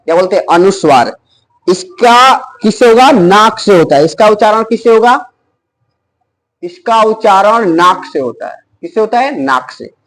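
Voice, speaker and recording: A man teaching an exam-prep Hindi grammar lesson, slowly repeating each term and quizzing his students. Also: high-pitched, expressive, a bit bright, poor audio.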